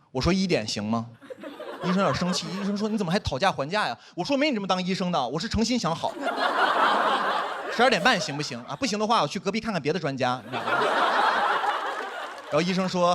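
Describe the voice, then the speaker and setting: A man's voice: fairly high pitch, heavy background noise. A young man performing a stand-up comedy set on stage, acting out quoted dialogue. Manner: animated, quick-talking, acts out quoted dialogue. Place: comedy stage before a live audience.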